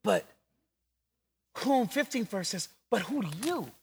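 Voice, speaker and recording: A middle-aged man preaching a sermon as pastor, swinging from quiet asides to shouted calls. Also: sits high, big pitch swings, takes it slowly, vocal fry, long reverb tail, a little hiss or hum.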